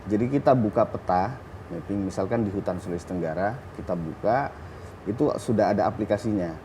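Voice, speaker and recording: A man speaking as a guest on a television talk show, explaining things calmly and plainly. His tone is warm and mellow. A faint hiss of noise sits behind him. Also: on the low side, brisk. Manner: relaxed, plain explanations, addresses the host politely. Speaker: guest, trail motorbike rider. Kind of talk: studio interview.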